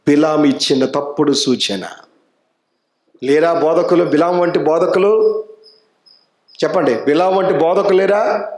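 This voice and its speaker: A man's voice: high-pitched, roomy sound. A man with an Andhra Telugu accent preaching a sermon as an evangelist, asking the congregation rhetorical questions and telling stories in quoted voices. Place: church anniversary meeting hall.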